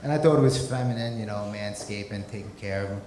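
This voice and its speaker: A man's voice: fairly low pitch, fast, background noise. A man performing a stand-up comedy set on a club stage, talking conversationally into a handheld microphone. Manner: conversational, peppered with "you know". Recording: roomy club recording, loud audience laughter.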